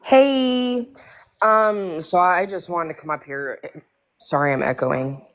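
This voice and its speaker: Woman talking with an echo on her voice, earnest, kinda low, encouraging the room. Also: slow. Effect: echoing sound. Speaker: speaker in a live audio chat room. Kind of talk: casual heartfelt talk.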